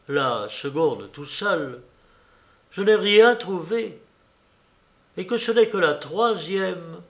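Defiant young detective, read by a man, ringing and sure, slow delivery. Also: a little high, vocal fry, fairly bright tone, full character voice. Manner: ringing, assured. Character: bold young male reporter-detective, defiant.

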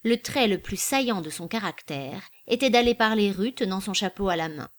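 A woman narrating a classic novel in a measured, clear literary reading. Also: mid-range voice, animated.

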